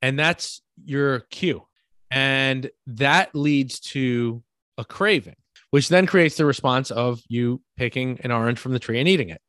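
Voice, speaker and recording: This man co-hosts a podcast and speaks with a New York accent, his medium-pitched voice running a little slow. He explains things in a casual, conversational manner built on everyday examples, often adding "right?" to check in, and the audio is dry without room echo.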